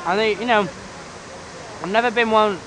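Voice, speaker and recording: A man's voice: high-pitched, measured pace, a crowd in the background. A slightly tired man from a pop band chatting on a lunch break at a shoot, hesitant with plenty of "uh" and "um". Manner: relaxed, hesitant with "uh" and "um". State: a bit tired. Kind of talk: casual behind-the-scenes chat. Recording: noisy outdoor ambience.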